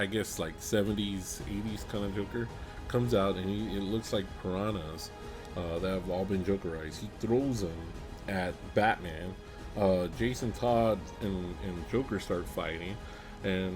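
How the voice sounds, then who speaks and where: A man hosting a podcast, casually retelling a comic book story in a rambling way with plenty of ums and uhs. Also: fairly low pitch. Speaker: podcast host.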